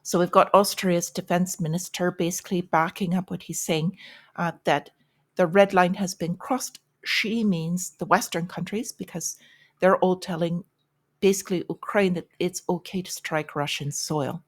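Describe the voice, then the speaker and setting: Lady doing market news talk, kinda low voice, blunt and sarcastic, lots of uh's. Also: steady tone, normal speed. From United States. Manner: opinionated, sarcastic asides, many fillers. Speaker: market commentary host. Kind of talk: solo news commentary.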